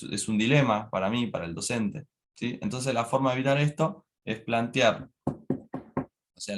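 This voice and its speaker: Brief: young Argentine man, lower voice, student presenting a lecture, explanatory with lots of tag questions. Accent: Argentine Spanish. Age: young adult. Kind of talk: classroom lecture.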